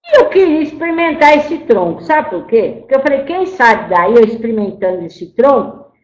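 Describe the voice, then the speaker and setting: A woman's voice: high voice, fairly bright tone. Woman channeling an old grandmother spirit. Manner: storytelling, repeats "my child", scolds then grieves. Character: old grandmother spirit, once enslaved, scolding and tender. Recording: roomy echo.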